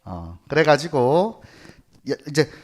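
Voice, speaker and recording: A man retells a Bible story to children in a lively sermon and quizzes them as he goes. His pitch sits fairly high and moves a lot. The delivery is animated and chatty. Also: slow pace. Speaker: children's preacher.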